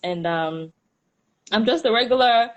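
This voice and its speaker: A woman's voice: fairly high pitch, animated, unhurried, highs cut off. A woman from Cameroon with a Cameroonian accent, talking casually as an interview guest and often repeating and rephrasing as she goes. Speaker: interview guest, hairstylist and entrepreneur.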